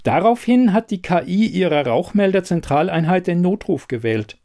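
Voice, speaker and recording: A man voicing a calm, matter-of-fact female nurse in an audiobook. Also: high-pitched, normal speed, voice pushed up. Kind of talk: audiobook reading.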